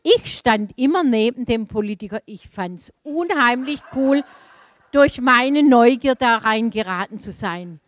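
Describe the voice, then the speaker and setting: A woman from Germany giving a sermon, telling a personal story with laughing asides in a lively storytelling manner. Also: on the high side, unhurried. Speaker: preacher.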